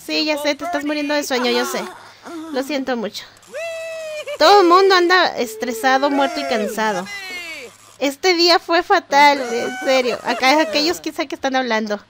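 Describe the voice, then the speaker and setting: Young woman, gaming vlogger, high bright register, chatty and teasing commentary. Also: moderate pace, crowd noise. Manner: chatty, exasperated, jokes with game characters. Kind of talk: casual gameplay commentary.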